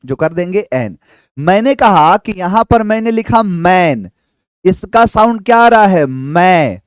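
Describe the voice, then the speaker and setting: A man teaching an English lesson, spelling out sounds slowly and checking in with "clear?". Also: high-pitched, no room sound. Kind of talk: classroom lecture.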